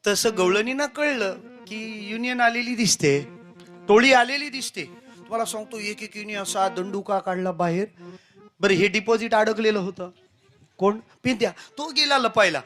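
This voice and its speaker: High sharp guy preaching a story sermon, lively, acts out the characters. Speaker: kirtan preacher.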